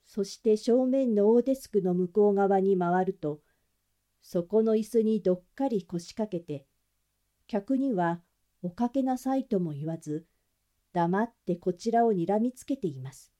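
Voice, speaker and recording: A woman narrating a classic detective novel in a gentle, even storytelling voice. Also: medium pitch, unhurried. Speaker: audiobook narrator.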